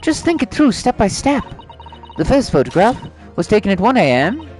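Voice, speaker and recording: Man doing patient assistant, swooping pitch. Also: sing-song, moderate pace, a little mellow, soft background music. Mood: patient, coaxing.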